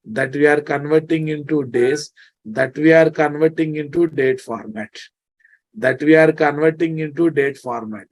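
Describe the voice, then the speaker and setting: A man's voice: on the high side, moderate pace. A man with a Telugu Indian accent giving an informal live programming lecture, often repeating phrases and checking that his students follow. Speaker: programming instructor.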